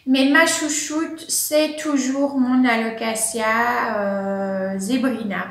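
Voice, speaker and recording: Woman, plant vlogger, casual chat, hesitant fillers, fairly high voice, echoey room. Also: steady tone, slow pace. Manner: chatty, many fillers and laughs. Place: at home.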